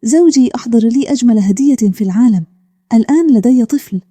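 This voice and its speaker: A woman's voice: fairly high pitch, animated, fast, warm tone, no echo, clean studio sound. Woman voicing a doting, emotional village wife. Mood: emphatic. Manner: emotional, emphatic.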